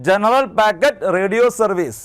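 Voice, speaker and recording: A man's voice: sits high, animated, drawn-out words, a bit bright, clear, resonant tone. A man teaching an exam prep lesson, who drills terms by asking a question and then repeating the answer.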